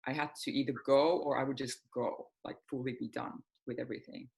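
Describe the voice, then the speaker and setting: A woman's voice: very deep voice, fairly even intonation, brisk, creaky, low-quality recording. Woman in her forties. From Finland. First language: Finnish. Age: 40s. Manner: reflective, open, many soft fillers. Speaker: guest, healing coach. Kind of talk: casual interview chat.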